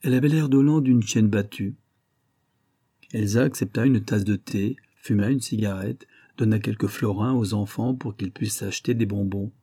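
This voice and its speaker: A man narrating an audiobook with a low, dark voice and a husky grain. He tells the story in a measured, dramatic way, recorded dry and close to the microphone. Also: dry recording. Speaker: audiobook reader. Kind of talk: scripted narration.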